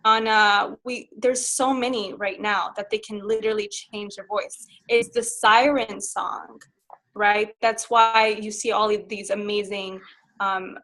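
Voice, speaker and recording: A woman's voice: medium pitch, unhurried. A woman sex coach speaking frankly and openly in a conversational interview, often laughing as she tells personal stories. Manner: frank and animated, laughs while telling stories.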